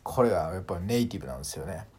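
Guy talking solo on his own show, chatty and lively, voice swings up and down a lot, lots of um and like. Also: deep voice, very fast, breathy edge. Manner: animated, demonstrates sounds, frequent fillers. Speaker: podcast host. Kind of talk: casual solo talk.

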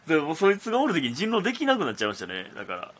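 With slight background noise in the mix, a young Kansai-accented comedian races through his casual solo radio talk in a voice on the high side. He rambles animatedly and leans heavily on fillers.

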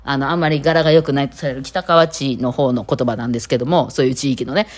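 A woman's voice: rumbling low, fairly even intonation, fast. A woman with a Kitakawachi Kansai accent, hosting a casual solo chat in a rambling way full of fillers. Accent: Kansai, Kitakawachi dialect. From Kitakawachi area of Osaka, Japan. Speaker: podcast host.

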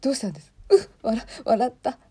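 A woman hosting a casual talk, commenting in hushed whispers while she watches a concert stream at home. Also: fairly high pitch, sing-song, fast, breathy edge. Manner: speaks softly in hushed whispers; chatty, reacts aloud to what she sees. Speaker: podcast host watching a livestream.

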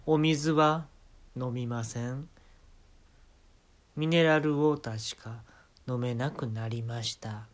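A man's voice: mid-range voice, takes it slowly, long pauses. A man with a Kansai Japanese accent hosting a podcast, telling an absurd comic story and giving mock-serious instructions in a casual monologue. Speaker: podcast host.

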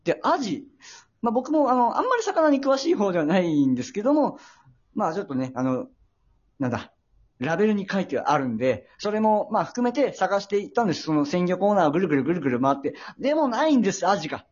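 A young male host tells a story in a polite, halting way, often stopping to gather his words. His voice is husky and moves freely up and down in pitch. The recording is dull and lo-fi. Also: very animated, darkish tone. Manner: hesitant and polite, full of pauses and filler. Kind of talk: casual radio talk, storytelling.

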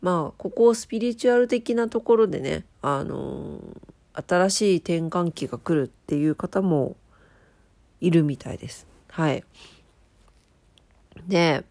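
A woman's voice: fairly low pitch, expressive, unhurried, vocal fry, long pauses, darkish tone, no room sound. A woman hosting a casual, chatty solo radio show in polite speech, her voice nasal from a blocked nose. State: stuffed-up nose.

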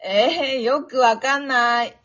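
In an amateur radio drama, a woman plays a bubbly, pushy, affectionate teenage girl, eager in mood and cutesy in delivery. Her voice sits high and moves slowly, and the lo-fi recording sounds dull.

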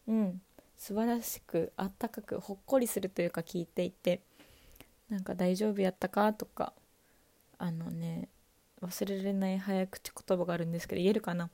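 A young woman from the Kanto region hosts a solo talk, speaking calmly and casually as if to friends listening. Her voice is mellow and warm, sitting in an ordinary middle pitch. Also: normal speed. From Kanto, Japan. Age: young adult. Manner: calm, casual, talking straight to listeners. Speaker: university student podcaster. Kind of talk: solo chatty monologue.

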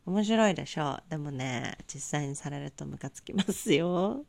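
A woman hosting a podcast, telling a story in a casual, animated and exasperated way, full of rhetorical asides. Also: low-pitched, moderate pace, gravelly, no echo. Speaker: podcast host. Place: abroad in Southeast Asia.

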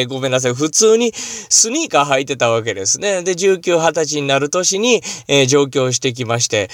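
A man's voice: fairly high pitch, no room sound, clean studio sound. A man from the Kansai region with a Kansai accent, hosting a solo talk show and telling a personal story in polite, formal phrasing dotted with casual dialect. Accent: Kansai Japanese. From Kansai region of Japan. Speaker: podcast host.

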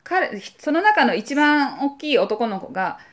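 A high-pitched, sing-song woman speaks at a measured pace as a podcast co-host. She tells a story in casual chat, acting out voices and sound effects along the way.

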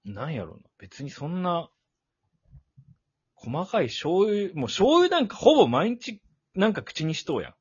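A man with a Kyushu accent in casual chat as a podcast co-host, relaxed and laughing often. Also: fairly high pitch, measured pace, husky, no echo. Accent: Kyushu dialect. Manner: relaxed, laughs often, breaks into loud mock-Kansai outbursts. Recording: dull dry lo-fi audio.

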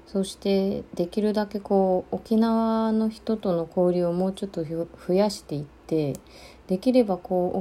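A woman from Okinawa hosting a solo podcast, chatting casually with many fillers and pauses. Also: on the low side, mellow. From Okinawa, Japan. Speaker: podcast host.

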